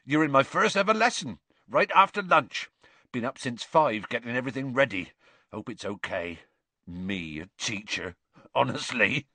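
A man's voice: on the low side, moderate pace, a bit bright, no room sound. A man voicing an enormous, kindly, eager man in a storybook, talking in informal clipped phrases. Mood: eager, proud. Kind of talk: audiobook character acting.

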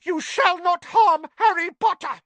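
Shrill squeaky house elf Dobby. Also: male voice, unhurried, a bit bright, no echo. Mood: fierce. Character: shrill excitable male house elf, servile.

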